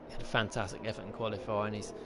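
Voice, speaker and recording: A man's voice: lowish voice, little pitch movement, very fast, noisy background. A man giving live motorsport commentary on an online race, calling the action as it happens and repeating key phrases as he reacts. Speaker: esports racing commentator. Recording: music bed behind, car engine sounds.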